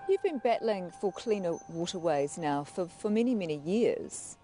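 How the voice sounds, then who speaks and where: A woman's voice: fairly low pitch, lively intonation, normal speed, dark tone, soft background music. A woman putting probing questions in a news interview. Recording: clear ambient location noise.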